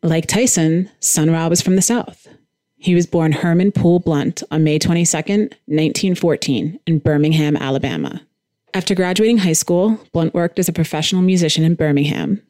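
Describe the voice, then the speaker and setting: As the podcast host, a woman reads scripted narration at normal speed in a fairly low, mellow voice. The audio is dry and close-miked, with very little room sound.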